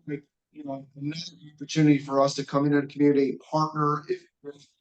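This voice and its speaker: A man presenting a real estate development plan at a community meeting. He speaks haltingly and restarts often, and his audio keeps breaking up, with word endings cut off. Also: fairly high pitch, monotone, echoey room, lo-fi sound. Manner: halting, with frequent restarts and repeated words. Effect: choppy call audio with dropouts and clipped word endings. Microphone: far from the speakerphone on a video call. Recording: distant, breaking-up video call audio.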